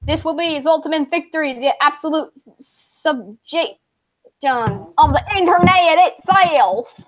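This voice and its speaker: Woman doing a furious pompous author, put-on southern drawl, grandiose rant, high voice. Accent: put-on American Southern. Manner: ranting, grandiose, slow and drawn out. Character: furious, pompous internet story author rallying fans. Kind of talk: dramatic reading of a forum post.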